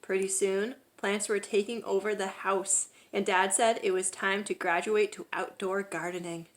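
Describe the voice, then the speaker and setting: A woman tells a picture book story to children, leaning into key words like a storyteller and reading expressively. Her voice sits at medium pitch, with fairly even intonation and a normal speed.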